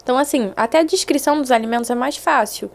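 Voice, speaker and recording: Podcast guest: a fast, lively young woman telling stories, with a fairly high voice. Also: gravelly. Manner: animated, acts out quoted voices. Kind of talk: casual storytelling chat.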